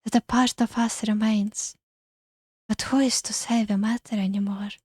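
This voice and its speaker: A woman voicing a gloomy, melancholy female vampire ghost from a dating game, speaking in a slow, airy, eerie way. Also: mid-range voice, steady tone, darkish tone, no echo, studio quality, natural voice. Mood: mournful. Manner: slow, solemn, philosophical. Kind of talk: reading a game character aloud.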